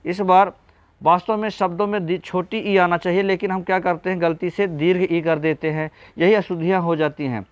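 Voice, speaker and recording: A man's voice: high-pitched, steady tone, normal speed, no echo. A man teaching an exam-prep spelling lesson, patiently going through correct and incorrect word forms and addressing viewers as friends.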